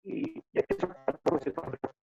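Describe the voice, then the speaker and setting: A man's voice: very high voice, wildly swooping pitch, normal speed, vocal fry, mellow, dull audio. Argentine man in his thirties, explaining. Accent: Argentine Spanish (Buenos Aires). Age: 30s. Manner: explanatory, thinks aloud with frequent tag questions. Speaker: guest, fitness motivator. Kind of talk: casual interview conversation.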